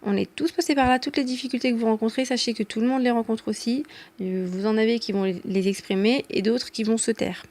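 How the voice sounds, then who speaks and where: A woman's voice: a little high, fairly even intonation, fairly quick, darkish tone. A woman giving a casual video lesson as a language teacher, chatty and self-deprecating, with frequent hesitations and an encouraging tone. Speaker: Arabic teacher.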